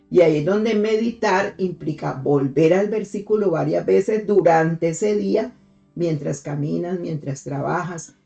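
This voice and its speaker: A preacher leads a morning devotional in a warm, mellow voice at a middle pitch. The delivery is patient and methodical, with rhetorical questions and key lines said again for emphasis. A soft guitar plays quietly underneath. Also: creaky, highs cut off. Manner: teaches step by step with rhetorical questions; repeats key phrases for emphasis. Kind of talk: devotional sermon.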